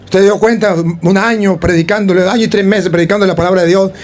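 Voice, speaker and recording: High-voiced preaching priest. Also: male voice, fairly quick. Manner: animated storytelling, acting out voices. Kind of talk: sermon.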